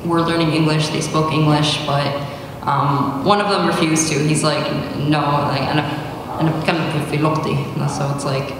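A woman's voice: low-pitched, fairly even intonation, fairly quick, hardly any pauses, noisy background. Hesitant young woman in an echoey hall. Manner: hesitant, many fillers when speaking. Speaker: open mic poet. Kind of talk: spoken word poetry reading. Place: large indoor hall, at a podium. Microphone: stand mic at podium, recorded by far camera. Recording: echoey hall recorded from far off.

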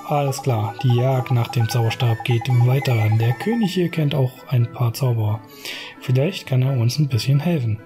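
A man's voice: mid-range voice, normal speed, music in the background, close to an everyday voice. Man reading as a brash little fairy sidekick. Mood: upbeat. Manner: slangy, blunt, grumbling. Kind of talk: reading game dialogue aloud.

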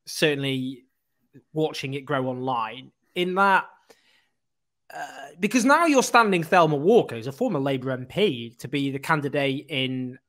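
A man, hosting a political interview over a video call, animated and full of joking asides. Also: medium pitch, moderate pace. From northern England. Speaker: host. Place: small room indoors. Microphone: studio mic on a boom arm.

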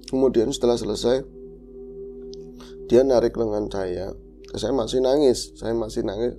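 A man's voice: on the low side, creaky, dark tone. A man tells his life story in a casual interview. He speaks earnestly, as if making an emotional confession. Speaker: guest, reformed street thug.

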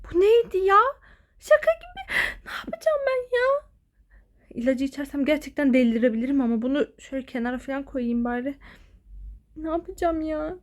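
A woman's voice: high voice, fairly even intonation, quick pace, warm tone, close to an everyday voice. A woman voicing a teenage girl shut in an asylum, protesting and pleading in an exasperated way.

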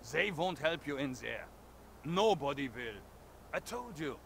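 Gravelly German biker. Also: male voice, on the high side, sing-song, a little slow, fairly bright tone, slight background noise, heavily acted. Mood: pleading. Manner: broken English, pleading. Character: gruff German biker man, nervous fixer. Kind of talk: video game dialogue.

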